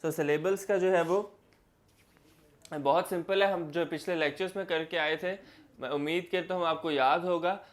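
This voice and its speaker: A man's voice: fairly high pitch, steady tone, moderate pace. A young adult man, teaching a classroom lecture and explaining step by step, repeating key words.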